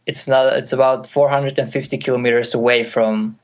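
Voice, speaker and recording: A Finnish music producer in his twenties, a native Finnish speaker, is a guest in a casual interview over a call. His mid-range voice is fairly even in intonation and fairly quick, and he hesitates a lot with fillers, restarts, and light laughter, all in call audio.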